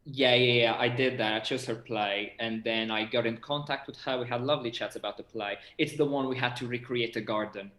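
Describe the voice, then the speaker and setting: Being interviewed as a guest, a young theatre director and actor from Portugal speaks briskly and with few pauses, his medium-pitched voice steady and fairly bright. He comes across as effusive and enthusiastic, over a video call that echoes with the room.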